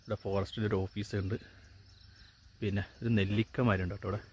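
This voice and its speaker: A travel vlogger with a Malayali accent narrates a casual walk-through on location around a forest resort, mixing Malayalam and English words. His voice is lowish and flat, and he talks quickly. The on-location recording is noisy, with outdoor ambience.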